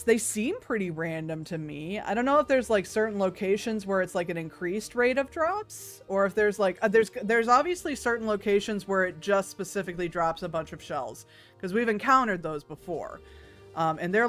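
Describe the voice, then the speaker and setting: A woman's voice: mid-range voice, lively intonation, normal speed. A woman streams a game with a mid-range voice and chats casually as she plays. She is playful and wry and swears freely. Music runs behind her. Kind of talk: casual chatty game commentary.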